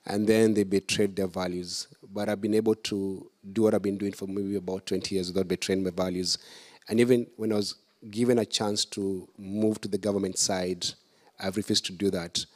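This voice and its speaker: A man's voice: deep voice, flat delivery, moderate pace. A man with a Kenyan accent, answering audience questions as a political candidate at a conference, earnest and building his points step by step. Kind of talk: public Q&A at a conference.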